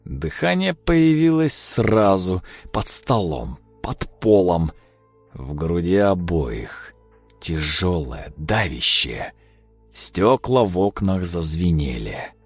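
A man narrating an audiobook in a measured, dramatic storytelling manner. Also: low voice, very animated, husky, soft background music.

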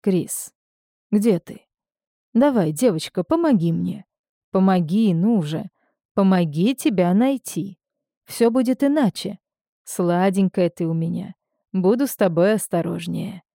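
A hard-bitten, cynical ex-convict man, read by a woman narrator in an audiobook, murmuring low and coaxing before turning harsh. The delivery is slow and unhurried, with a mellow, darkish tone. It is recorded close and dry, with no room sound. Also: lively intonation, creaky, dry recording. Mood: pleading. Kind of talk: audiobook character reading.

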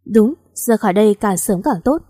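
A woman's voice: medium pitch, lively intonation, a little fast, mellow, breathy edge. A woman voicing a concerned, protective older sister in a read-aloud story.

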